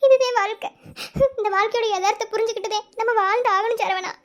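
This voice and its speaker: A woman voicing shrill village wife Meenakshi. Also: steady tone, quick pace. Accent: Madurai Tamil. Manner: emotional, heartfelt. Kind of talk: cartoon voice acting.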